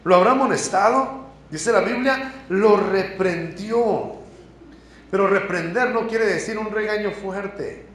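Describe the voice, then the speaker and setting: Man, pastor preaching, fairly high voice, very echoey church hall, faint ambience. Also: slow. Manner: impassioned, swings from hushed to loud. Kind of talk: sermon.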